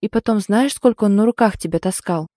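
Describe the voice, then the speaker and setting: A woman voicing an anxious, protective young female friend in an audiobook, talking in quick, worried pleas. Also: mid-range voice, mellow, no echo, clean studio sound, natural voice. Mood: pleading.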